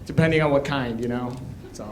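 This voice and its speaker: A man in his thirties doing a stand-up comedy set, with a loud, punchy delivery and crowd work. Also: mid-range voice, fairly quick. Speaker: stand-up comic. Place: comedy club stage. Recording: echoey club room. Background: audience laughter.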